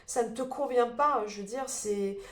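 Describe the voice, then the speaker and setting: A woman's voice: fairly high pitch, normal speed. A woman with a cold and a blocked nose giving a spoken tarot reading, searching for words with many fillers and restarts. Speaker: tarot card reader. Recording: roomy echo.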